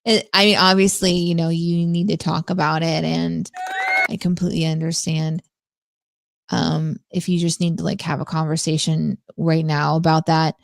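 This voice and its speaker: Female co-host, young adult, bubbly giggly banter, lower pitch. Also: little pitch movement, normal speed, creaky, dry recording. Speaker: podcast co-host. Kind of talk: casual live-stream chat.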